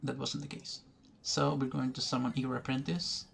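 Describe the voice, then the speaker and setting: A man giving educational commentary over a card game, thinking aloud slowly, pausing often and restarting his sentences. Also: medium pitch, little pitch movement, vocal fry, fairly bright tone. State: has the hiccups. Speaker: gaming video creator. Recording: faint background noise, poor recording.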